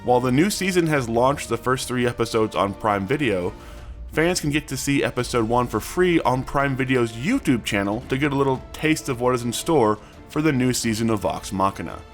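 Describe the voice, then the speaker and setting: A man's voice: mid-range voice, lively intonation, normal speed. A man hosting and reading scripted news narration. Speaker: news host. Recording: music bed under the voice. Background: background music.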